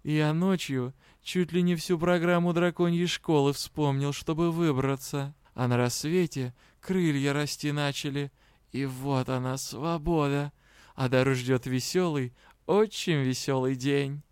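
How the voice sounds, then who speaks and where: A man's voice: on the high side, fairly even intonation, a little slow, a little mellow, smooth, no room sound, clean studio sound, natural voice. A man reading an audiobook, voicing a smug, lazy male cat spirit who talks in a languid, self-satisfied way.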